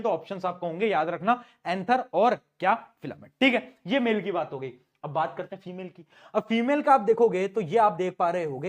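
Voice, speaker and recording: Male tutor, high voice, fast-talking, playful question-and-answer delivery, online exam-prep lesson. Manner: playful, asks questions and answers them himself; calls students "beta", mixes English terms into Hindi. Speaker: teacher.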